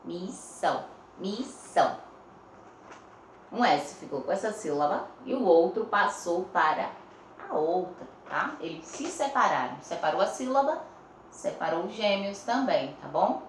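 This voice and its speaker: A woman's voice: fairly low pitch, big pitch swings, echoey room, slight background noise. A woman teacher with a Brazilian Portuguese accent, giving a lesson to young pupils, sounding words out syllable by syllable and checking in often. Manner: slow, stretches out words syllable by syllable. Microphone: phone.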